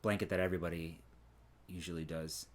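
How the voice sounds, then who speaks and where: A low-pitched, brisk-voiced man co-hosts a laid-back crafting podcast, talking crochet while displaying his blanket. His speech is loose and relaxed, frequently trailing away and starting over.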